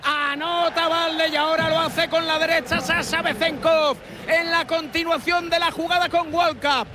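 A man giving excited, shouted live basketball commentary on the radio. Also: very high-pitched, moderate pace, background noise.

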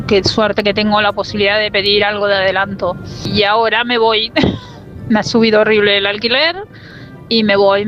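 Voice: mid-range voice, sharp tone, lo-fi sound. A listener, leaving an exasperated, emphatic recorded message to a radio show. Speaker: radio caller.

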